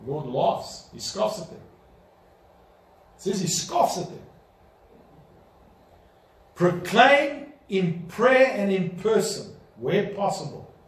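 A man's voice: sits high, very animated, takes it slowly, pauses often. A man preaching a sermon as pastor, driving his points home with emphatic rhetorical questions. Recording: echoey room, voice from a distance.

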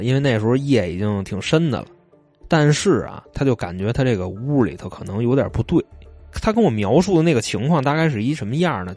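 A man's voice: medium pitch, darkish tone. A man, telling stories in a casual chat, retelling them loosely with asides. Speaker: storyteller.

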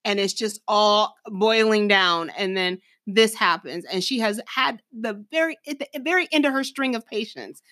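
A woman's voice: mid-range voice, expressive, moderate pace, few pauses, fairly bright tone. A woman co-hosting a casual chat. She is supportive, chimes in and finishes her partner's sentences. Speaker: podcast co-host.

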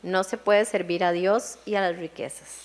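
A woman reading Bible verses aloud in a steady, measured way during a sermon. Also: on the low side. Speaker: scripture reader.

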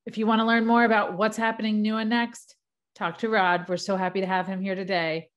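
A woman's voice: mid-range voice, little pitch movement, a little fast, dull audio. Woman, podcast host, mid-range voice, effusive, welcoming, asks questions. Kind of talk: interview hosting. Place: New York.

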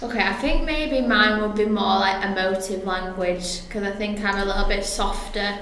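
A guest copywriter on a casual podcast interview talks about wording in a chatty way, full of fillers and restarts and quick to laugh. She has a mid-range voice with a steady, fairly bright tone. The room is very echoey, with slight background noise.

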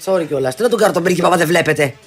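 A woman's voice: fairly low pitch, a little hiss or hum. A woman co-hosting a casual celebrity gossip show, blunt and teasing, often trailing off and restarting.

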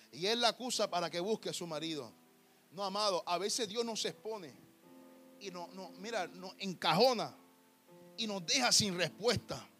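A male preacher in full sermon mode, with a notably high voice. He swings between quiet confiding and loud, emphatic bursts, sprinkling in English words. Faint music plays behind him. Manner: emphatic, swinging from soft to shouting.

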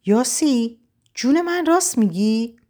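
A woman voicing a lively, teasing young woman friend on the phone in an audiobook. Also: mid-range voice, pitched above the performer's own voice, natural voice.

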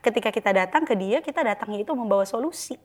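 A woman guest on a podcast who explains parenting advice at length in a lively, casual way. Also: fairly high pitch, rapid-fire. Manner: explains at length, lively, acts out calm soft-spoken examples.

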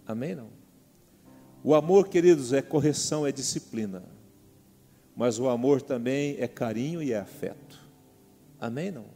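A man's voice: medium pitch, normal speed, long pauses, mellow. Brazilian man preaching in a reverberant hall. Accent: Brazilian Portuguese. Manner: calls out to the congregation with repeated "amen?" questions. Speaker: pastor. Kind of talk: sermon. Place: church hall. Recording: long hall reverb with faint music.

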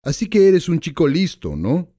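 A man's voice: fairly high pitch, huge pitch swings, normal speed, mellow, pitched above the performer's own voice. Al, a man doing a sneering hitman. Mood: mocking. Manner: mocking, taunting questions. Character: menacing adult male hitman, sneering. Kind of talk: audiobook character voice.

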